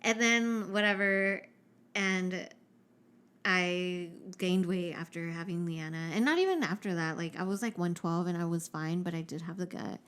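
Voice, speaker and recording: A woman's voice: lowish voice, normal speed, fairly bright tone, clean tone. A young woman and podcast co-host in casual chat, talking frankly with lots of swearing, filling her talk with "like" and dropping in Spanish words. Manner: frank and profane, heavy use of "like".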